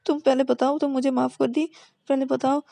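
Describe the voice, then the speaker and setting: A woman's voice: sits high, level tone, fairly quick, gravelly, mellow, no room sound, pitched above the performer's own voice. A woman voicing a young woman who pleads and apologizes, stammering and repeating words. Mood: pleading.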